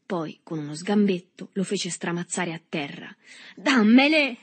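Husky-voiced woman reading a novel. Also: on the low side, moderate pace. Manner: steady literary reading. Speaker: narrator. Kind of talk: scripted narration of a novel.

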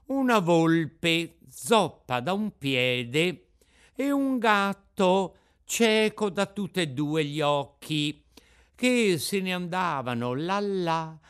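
A man narrating a children's story audiobook in an expressive, varied reading. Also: a little high, smooth.

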